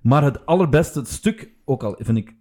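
A man raving about a movie in a casual podcast. He hesitates often and keeps reaching for words with ehm. His voice has a plain, medium pitch. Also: lively intonation, moderate pace, a little mellow. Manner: enthusiastic, hesitant with many fillers. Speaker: podcast co-host. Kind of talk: casual film-discussion chat.

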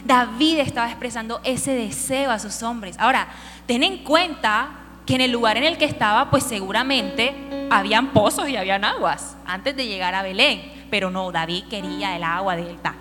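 Woman preacher, animated storyteller who questions the audience, echoing hall. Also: a little high, normal speed. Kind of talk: sermon. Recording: hall reverb with faint music.

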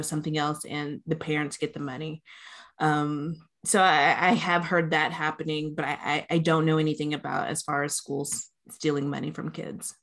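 A woman speaking carefully and hesitantly in a casual discussion. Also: sits low.

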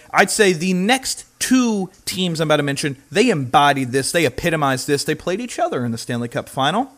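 A man hosting a hockey talk show, opinionated and emphatic, jumping up in pitch to drive points home. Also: fairly bright tone. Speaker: sports talk host.

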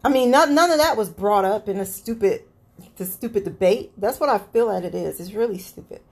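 A woman's voice: mid-range voice, lively intonation, fairly quick, a little mellow. A woman hosting her own podcast, ranting bluntly about politics with plenty of swearing and an exasperated manner. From Cleveland area. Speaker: podcast host. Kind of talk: solo political rant podcast.

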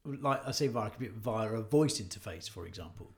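Male co-host, low gravelly voice, relaxed storyteller who says "you know" a lot. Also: quick pace. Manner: anecdotal, agreeable, frequent "yeah" and "you know". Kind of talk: casual chat.

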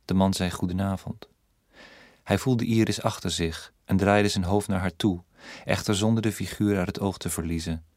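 A man narrates an audiobook in a measured, even storytelling manner. His voice is very low and deep. The recording is close and dry, with no room sound. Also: no echo.

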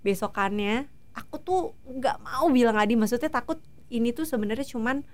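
A woman in her thirties, a guest in a casual interview, telling stories in a lively way and acting out what others said. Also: fairly high pitch, brisk. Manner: lively storytelling, acting out quoted voices.

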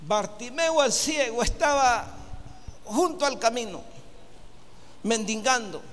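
A man preaching a sermon in church, building to loud, fervent exhortation and leading the congregation in call and response. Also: very high voice, slow pace, in a large hall.

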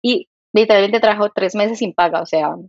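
Animated Colombian woman telling a story. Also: medium pitch, moderate pace, no room sound, muffled recording. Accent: Colombian, mix of Santander and Bogotá. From Colombia (Bogotá). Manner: animated, quotes herself, laughs often. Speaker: podcast guest, company founder. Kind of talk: casual interview storytelling.

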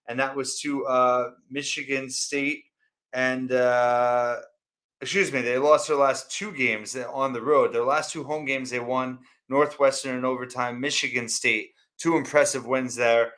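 A man hosting a sports preview, talking off the cuff through stats in a halting way. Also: medium pitch, steady tone, fairly bright tone. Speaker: sports podcast host.

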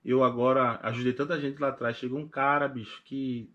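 A young man from Recife speaking with a Pernambuco accent, chatting casually as a podcast guest. He tells stories with big swings of pitch and loudness, acting out old conversations in quoted voices. His pitch sits mid-range for a man. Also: fairly quick, dull audio. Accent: Pernambuco Portuguese. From Recife, northeast Brazil. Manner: animated, acts out past conversations in quoted voices. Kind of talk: casual storytelling chat.

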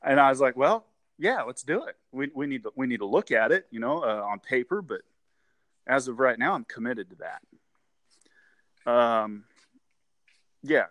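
A man's voice: mid-range voice, animated, moderate pace, pauses often, fairly bright tone, no room sound. A man in his forties, a guest on a casual interview, rambling and repeating words, with frequent laughs. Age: 40s.

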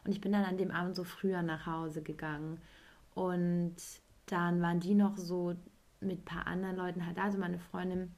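A woman's voice: fairly low pitch, flat delivery, moderate pace, darkish tone. Young woman telling a story casually. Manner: rambling storytelling, acts out others with 'und ich so'. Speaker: podcast host. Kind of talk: casual chat.

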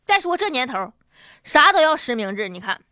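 Bright, lively high-pitched woman, Northeastern Mandarin accent. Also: moderate pace, dry recording, clean studio sound. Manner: sassy, mocking, colloquial storytelling. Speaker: host of a comic news commentary show. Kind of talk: comedic news commentary with punchlines.

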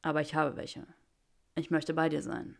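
A nervous young wizard who halts and stammers over his words, as a woman reading a fan story plays him. The voice is pitched a little low, gravelly and rough at the edges. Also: little pitch movement. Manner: halting, stammering.

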